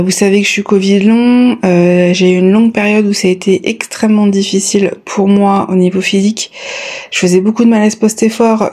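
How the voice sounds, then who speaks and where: A YouTube vlogger, an adult mother of a child, chats casually with viewers during an unboxing in a soft, mellow, middle-pitched voice. She's slightly short of breath, speaking haltingly with breathy pauses as she searches for her next phrase.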